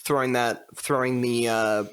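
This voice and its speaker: A man from Minnesota co-hosting a casual podcast, talking in a relaxed, halting way with restarts. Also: medium pitch, clear, resonant tone. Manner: relaxed, halting, many restarts and quick reactions. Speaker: podcast co-host.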